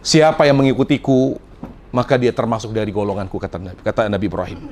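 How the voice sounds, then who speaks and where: A man preaching a sermon to a congregation, telling the story with emotion, his voice jumping up high and then fading to quiet endings. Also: steady tone, quick pace. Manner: emotive storytelling with sudden swings in pitch and quiet trailing endings. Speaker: Islamic preacher. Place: lecture before a congregation.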